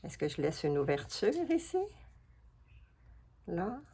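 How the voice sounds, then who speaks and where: This collage artist, a woman with a Québécois French accent, talks while working in a casual craft vlog, musing aloud to herself and her audience. She has a deep, dark, slightly rough voice that moves slowly and swings widely in pitch.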